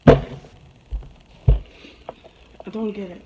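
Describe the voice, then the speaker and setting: A woman's voice: very slow, lo-fi sound, noisy background. A woman chatting casually during a food challenge, her voice worn from eating spicy food. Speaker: participant in a hot sauce challenge video with spouse.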